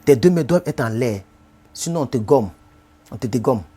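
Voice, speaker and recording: An Ivorian man holds forth in a relaxed live-stream monologue, his voice warm and mellow. His pitch sits in an ordinary middle range. He circles back over his points and keeps checking in with his viewers. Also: normal speed, husky. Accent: Ivorian French. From Côte d'Ivoire. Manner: repetitive, addresses viewers with rhetorical questions.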